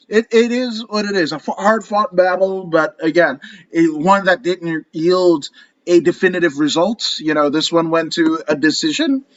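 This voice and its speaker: A man co-hosting a casual podcast chat, animated and profane, rambling through his rants. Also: high voice, dry recording, highs cut off. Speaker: co-host.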